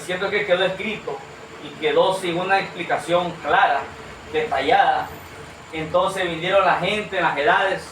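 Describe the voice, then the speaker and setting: A man's voice: a little high, noisy background. A man preaching a sermon to a congregation, earnest and questioning, calling them brother. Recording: echoey room from far off.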